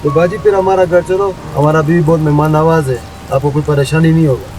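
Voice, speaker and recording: A man doing a gruff night taxi driver in a TV drama, mellow dark voice sitting a bit high, blunt broken phrasing, soft music underneath. The driver grumbles and doesn't mince words. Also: steady tone, brisk, natural voice, rough recording. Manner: blunt, uses simple broken grammar. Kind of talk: TV drama acting.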